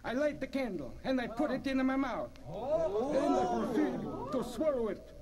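A man's voice: very high-pitched, big pitch swings, moderate pace, over a noisy crowd. A man playing a pompous, proud carnival showman, declaiming a sideshow spiel in a comedy sketch. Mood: pompous pride. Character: pompous carnival fire-eater and proud insect-circus showman.

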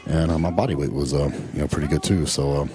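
Very deep-voiced laid-back man. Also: fairly even intonation, warm tone. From Texas. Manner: laid-back, drawn-out with many fillers. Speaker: professional bodybuilder. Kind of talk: casual voice-over narration.

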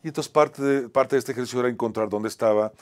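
A man with a Mexican accent, an acting teacher who tells a personal story on a talk show. He often ends phrases with a tag question and moves between a strong voice and a soft one. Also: medium pitch, fast. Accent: Mexican Spanish.

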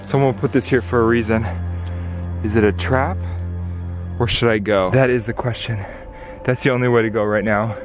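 A young adult vlogger hurries through woodland, filming himself at arm's length and narrating with excitement, gasps and exclamations. His mid-range voice keeps a steady tone at a moderate pace, and music plays beneath it.

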